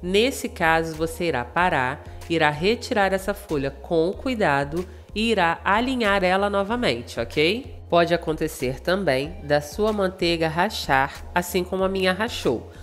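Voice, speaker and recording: A woman's voice: fairly low pitch, lively intonation, unhurried, few pauses. A Brazilian woman hosting a cooking channel, politely narrating a recipe step by step in a thin, reedy voice cracked by flu. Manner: polite, instructional address to viewers. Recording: music behind the voice. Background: music.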